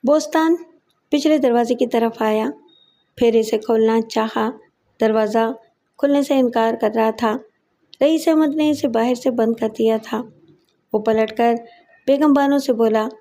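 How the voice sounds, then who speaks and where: A woman narrates a crime story in a steady, even storytelling manner. Her voice is mellow and soft, sitting slightly above the middle of the range. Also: on the high side. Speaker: voice-over narrator.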